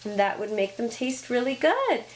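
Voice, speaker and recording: A woman with a hoarse, froggy voice chatting casually as she walks through baking step by step in her home kitchen, filming on a handheld camera. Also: on the high side, fairly even intonation, a little slow, low-quality recording. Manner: chatty, homey step-by-step explaining. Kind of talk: casual cooking demonstration. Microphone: handheld camera, set down at times.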